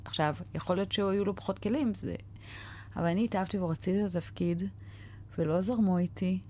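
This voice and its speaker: A woman's voice: mid-range voice, darkish tone. A woman with an Israeli accent talking conversationally as an interview guest, stressing her points through repetition. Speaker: casting director interviewed as guest.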